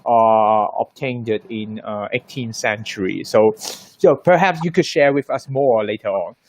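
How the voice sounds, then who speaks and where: Halting man hosting a talk. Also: on the low side, a little mellow, slight background noise. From Hong Kong. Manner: halting, many restarts and fillers. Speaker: host. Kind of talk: hosted panel talk.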